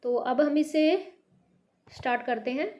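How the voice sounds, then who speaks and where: A high-pitched woman gives a beginner Hindi lesson at an unhurried, deliberate pace. She is from North India and patiently repeats each word, stressing the sounds so learners can follow. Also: heavy background noise. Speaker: Hindi teacher. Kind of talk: slow beginner language lesson.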